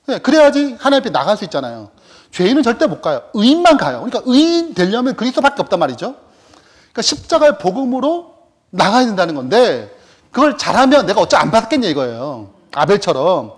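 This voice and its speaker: A man's voice: high-pitched, husky. A man giving a Bible study lecture, asking rhetorical questions and then answering them himself. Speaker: Bible teacher.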